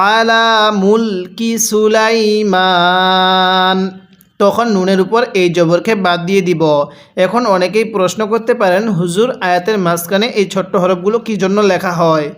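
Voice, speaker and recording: Man teaching reading with slow chanted examples. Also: high-pitched, steady tone. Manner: asks himself how to read, then answers; chants example phrases very slowly and drawn out. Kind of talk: step-by-step recorded lesson.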